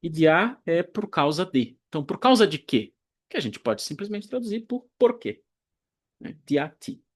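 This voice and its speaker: A man teaching Greek grammar in a recorded online lecture, explaining slowly and deliberately, pausing and correcting himself as he goes. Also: sits high, sing-song. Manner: slow, deliberate explaining with pauses and self-corrections.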